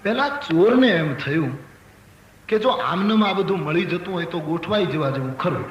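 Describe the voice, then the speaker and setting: Older man telling animated sermon stories. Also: high-pitched, normal speed, a little hiss or hum. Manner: animated storytelling, acting out characters with raised voice. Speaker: spiritual storyteller. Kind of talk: Gujarati religious discourse with anecdotes. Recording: echoey hall with faint ambience.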